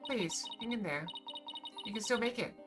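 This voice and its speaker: A woman's voice: medium pitch, animated, moderate pace, music in the background, natural voice. A woman voicing an earnest, hesitant young female spirit medium in a game dialogue read-through. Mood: pleading. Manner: hesitant, sincere.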